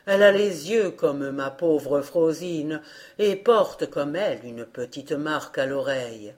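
A woman gives voice to a grieving father, a retired sea captain in a fairy tale, lowering her voice so it sits low. She speaks slowly yet animatedly, with gentle, fond exclamations.

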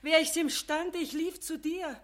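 A woman's voice: very high-pitched, steady tone, measured pace. An actress voicing a frail, sick woman who embodies good deeds, speaking weakly and tenderly with a Bavarian accent in a radio play. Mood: pleading. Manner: weak, pleading, tender. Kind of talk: broadcast radio play acting.

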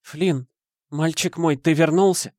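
Grieving mother, pleading and emotional, raised pitch, dry audiobook read, voiced by a man. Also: fairly even intonation, slow, a little mellow, dry recording. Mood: tender.

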